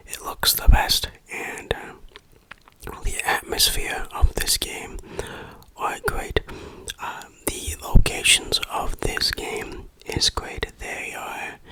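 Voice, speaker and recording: Speaking entirely in a whisper, an ASMR game reviewer gives the breath a bright, crisp edge. The delivery is very slow and deliberate, with a playful touch.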